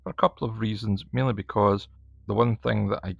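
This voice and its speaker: A man's voice: lowish voice, fairly even intonation, a little fast, gravelly. A man with a broad Scottish accent hosting a casual step-by-step video tutorial. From Scotland. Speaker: tutorial host. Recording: echoey room, slightly dull sound.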